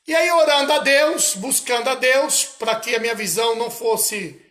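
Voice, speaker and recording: A man from Brazil with a Brazilian Portuguese accent, preaching slowly and emphatically about a vision, repeating his phrases. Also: very high-pitched, a bit bright, reverberant. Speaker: missionary preacher. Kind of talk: sermon recounting a vision.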